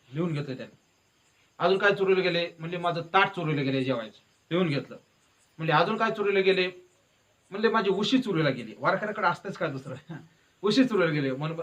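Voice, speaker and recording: Man, devotional preacher, high voice, bright tone, asks and answers his own questions. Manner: lively, asks questions and answers them himself. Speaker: kirtan preacher. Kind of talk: devotional discourse with storytelling.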